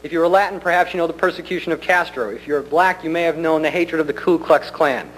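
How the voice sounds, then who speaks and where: A man delivers a prepared public speech at a government meeting in an earnest, deliberate and polite way. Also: on the high side, fairly bright tone. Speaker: community center director addressing a county commission. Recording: noisy hum, 1990 public meeting recording.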